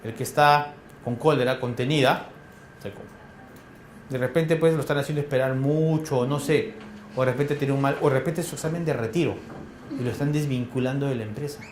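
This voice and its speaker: A man with a Peruvian accent giving a classroom lecture, firing quick questions at his students in a colloquial way. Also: medium pitch, a little hiss or hum. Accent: Peruvian Spanish. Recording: echoey classroom.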